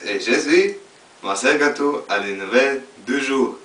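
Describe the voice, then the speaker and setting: A man co-hosting a parody newscast and interviewing a guest, speaking in a stiff, halting manner. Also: medium pitch, a bit bright. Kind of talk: scripted mock interview. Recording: echoey hall, far from mic, faint hiss.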